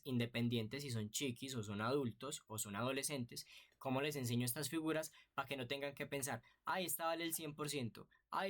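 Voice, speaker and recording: A man's voice: mid-range voice, fairly bright tone. A man teaching an online music theory lesson, patient and explanatory, often checking in with rhetorical questions.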